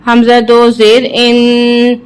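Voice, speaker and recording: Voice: monotone, smooth. Patient Quran teacher drawing out syllables. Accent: Pakistani Urdu. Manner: drawn-out syllables, then brisk low explanations. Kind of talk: slow letter-by-letter recitation drills with quick explanations.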